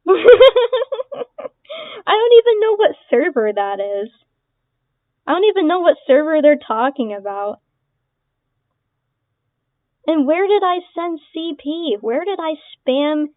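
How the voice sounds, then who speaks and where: A woman's voice: high-pitched, big pitch swings, takes it slowly, long pauses, dry recording. A young woman giving a casual reaction commentary, sarcastic and dismissive, swearing often. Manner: dismissive, sarcastic, swearing, laughing between remarks. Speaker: online creator responding to accusations. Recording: tinny phone-like lo-fi sound, dry.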